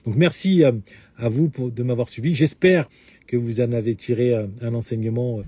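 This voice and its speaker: Middle-aged male host, dark husky voice, halting lecture delivery with many fillers. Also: medium pitch, dry recording. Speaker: host of a live talk answering questions. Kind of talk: unscripted lecture-style talk.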